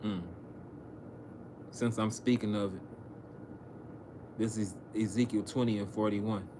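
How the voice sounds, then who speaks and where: A man reading scripture on a livestream, with casual, profane asides and halting, filler-laden commentary. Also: fairly low pitch, steady tone, background noise. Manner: halting, frequent fillers and restarts. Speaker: preacher on a livestream.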